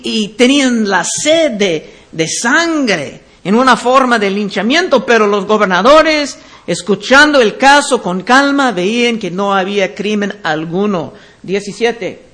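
A man preaching a verse-by-verse Bible teaching sermon, reading scripture aloud and then explaining it deliberately. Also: high-pitched, fairly bright tone.

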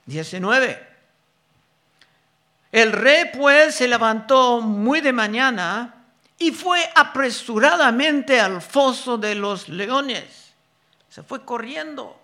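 A man preaching a sermon, reading Bible verses slowly and deliberately and explaining them. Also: very high voice, lively intonation, bright, forceful tone.

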